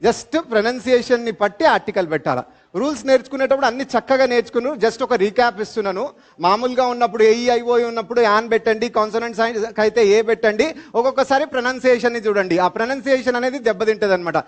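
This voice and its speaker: A man with a Telugu accent teaching an English grammar class, explaining slowly, repeating terms and quizzing his students. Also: very high voice. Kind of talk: live class lecture. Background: fans running in classroom.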